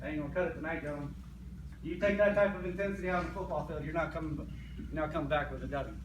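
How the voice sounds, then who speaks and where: A man's voice: a little high, very fast. An American man, an army sergeant, giving a motivational pre-game speech in an emphatic, repetitive way, often checking in with "right?". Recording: echoey, noisy room, distant mic.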